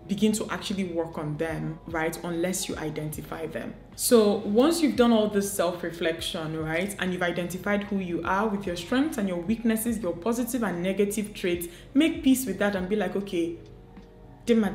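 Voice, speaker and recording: Earnest woman coaching, low voice. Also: moderate pace, darkish tone, soft background music. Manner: earnest, coaching, asks many rhetorical questions. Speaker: beauty and lifestyle vlogger. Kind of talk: motivational talk to camera. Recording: echoey room.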